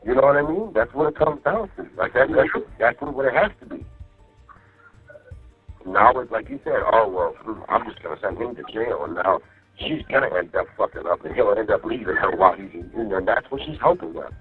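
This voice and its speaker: A man with a lowish, expressive voice and a breathy edge speaks fairly quickly on a phone call from jail. He vents to his partner casually and profanely, rambling and often repeating himself with "you know what I mean" so he's understood. Faint music sits under the muffled line.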